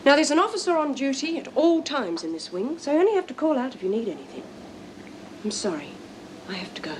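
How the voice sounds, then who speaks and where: A kind but firm woman prison officer with an Australian accent. Her pitch moves about a lot, and a faint hiss sits under this old TV recording. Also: sing-song, fast, poor audio. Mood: reassuring. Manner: gentle but firm, reassuring. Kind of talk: 1970s TV drama acting.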